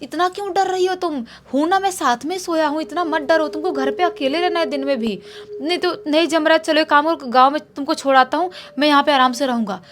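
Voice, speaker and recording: A woman's voice: high voice, fairly quick, a little hiss or hum, pitched above the performer's own voice, natural voice. A woman voicing a husband who casually brushes off his wife's worries. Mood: dismissive. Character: dismissive husband, casual and reassuring.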